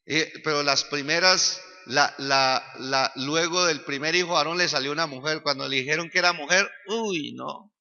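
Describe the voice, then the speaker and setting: A male pastor preaching a sermon, animated and building up to shouts. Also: a little high, moderate pace, hardly any pauses. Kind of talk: church sermon. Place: church sanctuary. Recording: reverberant church hall, dull sound.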